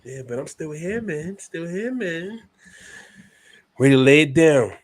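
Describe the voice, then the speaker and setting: A podcast host with a stuffy head cold leads a laid-back wrestling talk show, dropping "man" into nearly every line. His voice sits fairly high and sounds animated, and he speaks unhurriedly.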